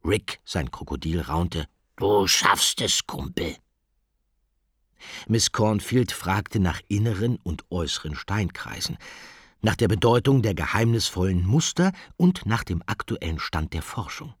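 A man narrating a children's storybook in a lively, expressive reading style. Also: deep voice, moderate pace, slightly rough, no room sound, studio quality. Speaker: audiobook narrator.

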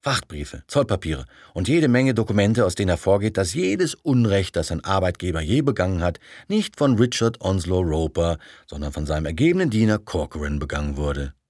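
A man voicing Burr, a forceful, husky spymaster. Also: low-pitched, lively intonation, moderate pace, no room sound, studio quality, full character voice. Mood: excited. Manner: aggressive, emphatic.

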